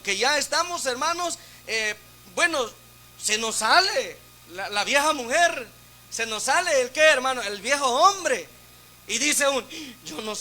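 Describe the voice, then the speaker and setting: High, bright-voiced man preaching. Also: a little hiss or hum. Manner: conversational preaching, constant rhetorical questions to the congregation. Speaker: deacon preaching. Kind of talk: sermon. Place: church.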